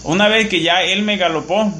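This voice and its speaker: A man from Mexico, a horse trainer, calmly explaining his methods in an interview with frequent filler words. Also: sits high, normal speed, reverberant, slight background noise. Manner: calm, explanatory, many "este" fillers. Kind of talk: interview answers. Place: outdoors at a ranch.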